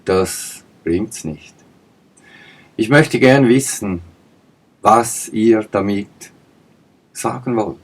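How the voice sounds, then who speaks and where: A man's voice: fairly low pitch, drawn-out words, long pauses, slightly rough. A man giving an emphatic political monologue, asking pointed rhetorical questions and repeating his points. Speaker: political commentator.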